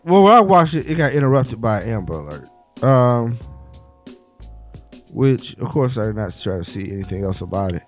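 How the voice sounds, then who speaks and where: A man's voice: mid-range voice, big pitch swings, moderate pace. A man hosting a casual chat, recapping events in a laid-back storytelling way. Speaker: podcast host. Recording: muffled lo-fi with faint music.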